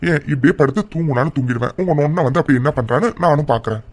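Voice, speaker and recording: A man's voice: on the high side, rapid-fire, darkish tone, natural voice. A man voicing a caring young man named Guru who keeps coaxing and teasingly asking questions. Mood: stubborn. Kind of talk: cartoon voice acting.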